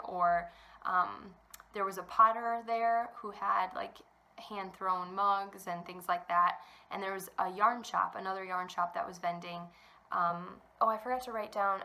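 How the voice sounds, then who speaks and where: Talking to her audience from home, a young woman who hosts a knitting podcast has a bright, clear, medium-pitched voice. She sounds slightly stuffed up as she recovers from a cold, and her casual chat rambles along with lots of ums.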